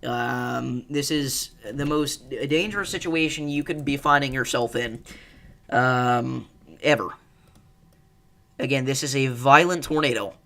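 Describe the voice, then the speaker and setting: A man hosting live severe weather coverage, speaking with urgent, emphatic and repeated pleas in a halting, distressed delivery. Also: mid-range voice, creaky, bright, forceful tone. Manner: urgent, emphatic, repetitive pleading warnings. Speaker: live storm coverage host.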